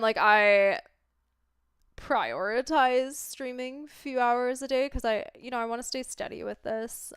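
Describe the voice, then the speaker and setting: A woman's voice: medium pitch, fairly bright tone, clear, resonant tone, no room sound, studio quality. A stoned woman streamer chatting casually to viewers in a rambling, laid-back stoner way that drifts into tangents. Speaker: livestreamer. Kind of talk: casual livestream chat with viewers.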